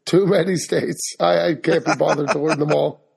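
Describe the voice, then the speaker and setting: A man's voice: a little high, steady tone, normal speed, gravelly, slightly rough. A man co-hosting a podcast in casual, joshing, rambling chat. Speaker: podcast co-host.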